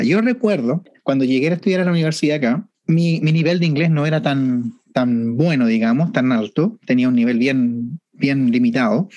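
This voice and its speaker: A man's voice: a little high, a little mellow, no echo. A man hosting a podcast interview, friendly and chatty, telling stories with easy laughs. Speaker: podcast host. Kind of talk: casual conversational interview.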